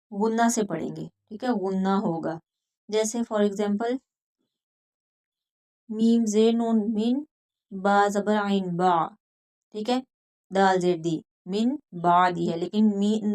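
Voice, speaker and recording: A woman with a Pakistani accent teaching Quran reading, explaining each rule step by step and slowly repeating words. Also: mid-range voice, mellow. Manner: patient, repeats words slowly and stretches recited sounds. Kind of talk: slow step-by-step lesson.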